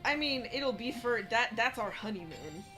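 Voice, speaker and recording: A woman's voice: fairly high pitch, lively intonation, normal speed. A young woman co-hosting a gaming stream, chatting casually, swearing freely and often restarting her sentences. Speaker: streamer co-host. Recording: faint game music behind.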